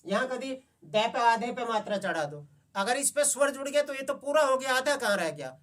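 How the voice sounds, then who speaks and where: A woman teacher with a slightly high voice explains a lesson to children at a patient pace. She keeps stopping to check that her students are following. Her voice sounds a little distant from the microphone. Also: animated, normal speed. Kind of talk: classroom lesson.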